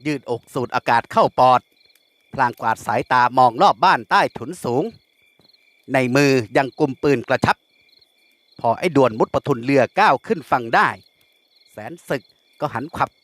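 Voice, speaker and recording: Bright-voiced male storybook narrator. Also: medium pitch, expressive, normal speed, pauses often, dry recording. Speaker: audiobook narrator.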